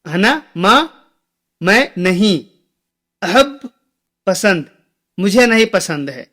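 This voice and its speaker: A young man teaching Arabic phrases, saying each one slowly and then repeating it with its meaning. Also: high-pitched, animated, pushed and bright.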